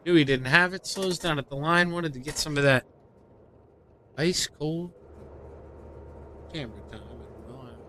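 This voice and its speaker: A middle-aged man calling sim racing laps as play-by-play commentator, excitable and fighting the hiccups. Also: on the high side, a little hiss or hum. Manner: excitable, rises to shouts on quick laps. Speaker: race commentator.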